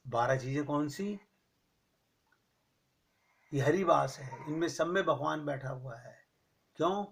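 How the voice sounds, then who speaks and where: A man giving a slow, measured spiritual discourse to a gathering, stressing his points with rhetorical questions. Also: fairly high pitch, vocal fry. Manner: recites verse slowly. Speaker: spiritual teacher. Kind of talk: Hindi satsang discourse.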